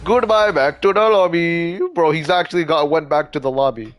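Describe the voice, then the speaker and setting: A man's voice: fairly high pitch, normal speed. A young man streaming a video game, joking and reacting aloud in slang. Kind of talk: gaming commentary. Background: game music.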